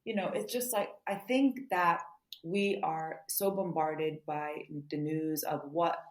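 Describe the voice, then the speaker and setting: Low-voiced woman, earnest and quick. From United States. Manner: earnest, quick, many "you know" fillers. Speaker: author being interviewed. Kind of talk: podcast interview answers. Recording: roomy echo.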